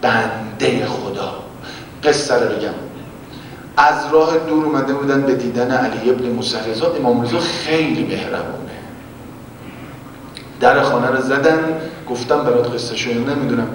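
A man preaching and retelling a religious story, swinging from loud exclamations to hushed whispers. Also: long pauses. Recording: echoey hall, distant mic, faint rumble.

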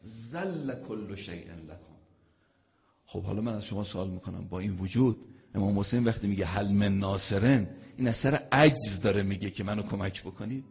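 A man preaching a religious sermon, telling stories with loud emphatic lines and soft, intimate ones. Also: lowish voice, vocal fry.

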